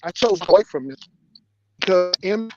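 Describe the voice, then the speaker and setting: A man's voice: high voice, lively intonation, moderate pace, a crowd in the background. 50s guy, boxing coach, blunt, call audio choppy and cutting out, muffled lo-fi. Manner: blunt and candid, laughs often. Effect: choppy internet call audio, cutting in and out. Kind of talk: casual chat on a video call. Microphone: remote video call.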